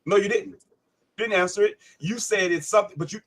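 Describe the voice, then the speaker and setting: A man's voice: sits high, fairly quick, fairly bright tone. A man hosting a live online panel, debating insistently, cutting in and repeating his questions. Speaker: livestream host.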